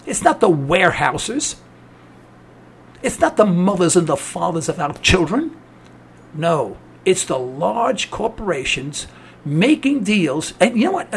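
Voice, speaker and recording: A little hiss or hum sits under this radio talk host's high voice, which has vocal fry. The man, who has a New York accent, rants cynically about politics on his talk program.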